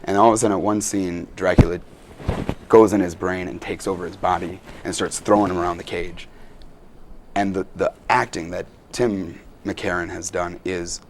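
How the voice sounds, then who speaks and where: A man's voice: deep voice, fairly even intonation, normal speed, slight background noise. A young man, a student actor, answering interview questions in an earnest, rambling way with many fillers.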